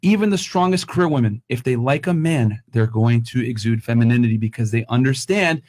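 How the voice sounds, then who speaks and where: Blunt fast-talking young man. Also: mid-range voice, expressive, a little mellow. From Connecticut, US. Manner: blunt, assertive, emphatic. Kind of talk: opinionated panel debate.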